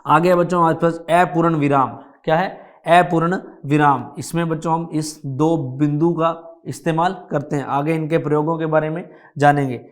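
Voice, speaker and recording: A man teaching a grammar lesson to children, explaining slowly and repeating key points as he addresses them directly. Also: on the high side, steady tone. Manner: slow, repetitive explaining, addresses children often.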